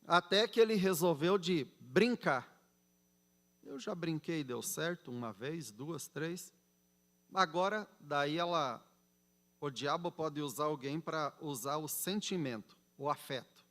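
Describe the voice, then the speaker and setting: Man preaching, slow deliberate delivery, slightly high voice, soft asides and loud peaks. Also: lively intonation. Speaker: pastor. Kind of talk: sermon.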